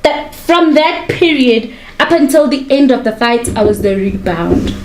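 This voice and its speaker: A woman's voice: high-pitched, lively intonation, a little slow. A young woman on a podcast, insisting on her turn and then telling a personal story. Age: young adult. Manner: insistent, keeps asking to speak, then tells her story. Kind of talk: casual chat, storytelling. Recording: echoey room.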